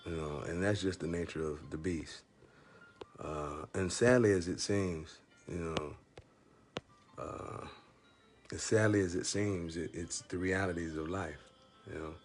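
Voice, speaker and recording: A man with a very deep, low voice offers spiritual encouragement to a single listener in a loose, unscripted faith talk. He rambles haltingly, stopping and restarting sentences and saying "you know" constantly, using plain street-flavored language and chuckling through his stories. Faint music plays behind him.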